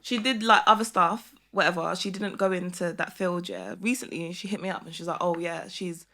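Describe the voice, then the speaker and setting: A woman's voice: on the low side, brisk, bright, forceful tone. A young woman with a London accent chatting casually as a podcast guest, using roadman slang and delivery. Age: young adult. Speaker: podcast guest, content creator.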